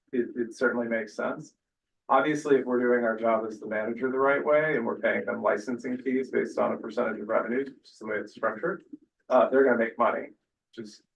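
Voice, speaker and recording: A man's voice: mid-range voice, gravelly, a bit bright, recorded from a distance, poor audio. A man representing a restaurant operator, explaining his position at a community board meeting and often correcting himself. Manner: explanatory, self-correcting, fond of "I think". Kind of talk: public meeting testimony.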